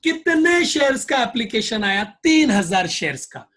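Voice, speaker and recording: A man's voice: extremely high pitch, sing-song, normal speed, fairly bright tone. A male accounts teacher giving a classroom lecture, drilling his students with repeated questions.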